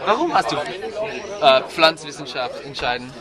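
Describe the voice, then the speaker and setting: A young American man, a native English speaker, hosts a playful chat in halting German, stopping to hunt for words. His voice sits a little high. He was recorded outdoors on a city rooftop with a camera mic, and busy crowd noise comes through behind him. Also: animated. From Chicago, USA. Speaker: host. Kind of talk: casual chat in learner German.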